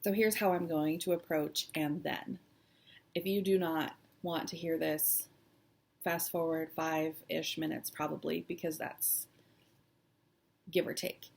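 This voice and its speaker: A woman vlogger chatting casually and personally, halting and hesitant with long pauses, sounding shaky and close to tears. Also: sits low, flat delivery, gravelly. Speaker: cross-stitch vlog host. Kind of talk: casual personal chat to camera.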